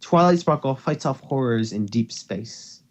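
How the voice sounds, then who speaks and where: Unhurried yet animated, the man reads fan fiction in a medium-pitched voice to his co-host on a voice call. He stumbles over words and restarts now and then, and the home recording carries noise.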